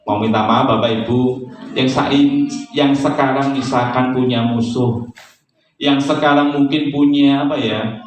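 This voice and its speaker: A man's voice: mid-range voice, steady tone, unhurried, pauses often, faint music behind. A pastor preaching a sermon in a chatty, joking way to his congregation. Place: church hall. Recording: echoey church hall, distant mic, faint noise.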